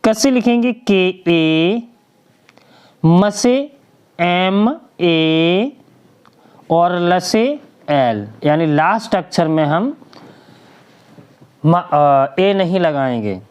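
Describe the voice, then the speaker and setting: A woman's voice: lowish voice, animated, slow, darkish tone. A woman teaching a spelling lesson, patient and drawn out, spelling letters one by one and answering her own questions. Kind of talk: slow classroom lesson.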